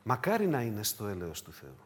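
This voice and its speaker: A man preaching a sermon, swinging between loud cries and hushed low phrases, with repeated emphatic questions. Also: huge pitch swings. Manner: repetitive, emphatic rhetorical questions.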